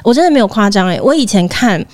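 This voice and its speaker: A woman with a Taiwanese Mandarin accent hosting a podcast, telling a personal story in an animated way and acting out what people said. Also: medium pitch, fast talker, no room sound. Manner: animated storyteller, acts out quoted speech. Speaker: podcast host.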